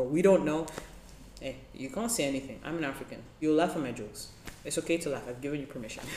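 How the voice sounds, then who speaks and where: Candid vlogger from Ethiopia, roomy sound. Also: mid-range voice. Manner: candid, opinionated, with joking asides. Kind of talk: opinionated advice vlog. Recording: roomy sound with background music.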